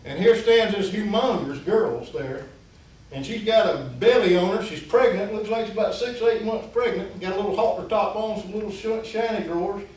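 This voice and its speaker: A man with a drawl spins a rambling, folksy yarn in a fairly high voice. He is picked up from well away from the mic, in a very echoey space with faint hiss underneath. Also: moderate pace, darkish tone, far from the mic. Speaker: guest storyteller. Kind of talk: casual storytelling.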